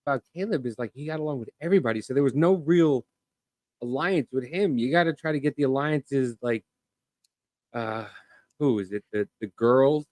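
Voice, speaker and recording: A man co-hosting a podcast in casual chat, telling stories in a lively, excitable way. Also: medium pitch, moderate pace, dry recording. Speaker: podcast co-host.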